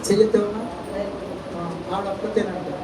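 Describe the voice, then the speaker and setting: In an echoey church hall, a male preacher uses rhetorical questions and calls of amen and hallelujah throughout his sermon. He speaks a little fast in a high-pitched, steady voice. Captured by a distant mic with faint ambience, the clip is very noisy.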